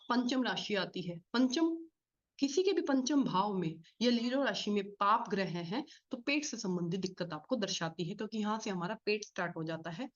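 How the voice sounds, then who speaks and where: A woman gives a spoken astrology lesson at a quick clip, explaining point by point and answering her own questions. Her voice sits at an ordinary pitch for a woman. The audio sounds a little dull and lo-fi. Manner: fast-talking, explains with repeated rhetorical questions. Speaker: astrology teacher. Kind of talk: spoken class lecture.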